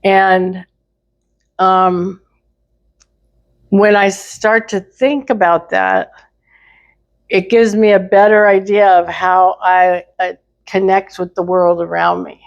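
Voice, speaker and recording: A woman's voice: mid-range voice, level tone, slow, pauses often, dull audio. An older woman in casual elderly couple banter, hesitantly thinking aloud as she talks. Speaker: co-host in a couple's discussion.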